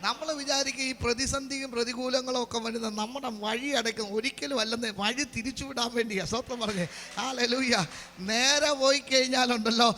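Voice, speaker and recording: ഉയർന്ന ശബ്ദമുള്ള മലയാളി പാസ്റ്റർ, ഹാളിൽ പ്രസംഗിക്കുന്നു. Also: male voice, very high-pitched, steady tone, brisk, big-room sound. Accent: Malayali. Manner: rises to loud proclaiming, then drops to quiet conversational asides; repeats call-and-response praise words constantly. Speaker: pastor. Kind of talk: charismatic sermon with prophecy.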